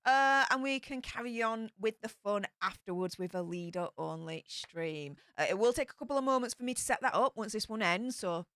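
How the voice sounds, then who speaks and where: A woman with a Yorkshire accent hosts a casual livestream, reading viewers' comments aloud and answering them chattily in broad local slang. Her medium-pitched voice is animated, smooth and fairly bright, moving at a moderate pace with hardly any pauses. There's no echo on the recording.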